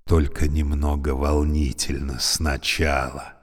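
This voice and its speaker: A man voicing an old, creaky, talking elevator, speaking slowly and courteously with a weary, sorrowful politeness. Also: a bass voice, level tone, big-room sound, exaggerated voice. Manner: slow, courteous, mournful.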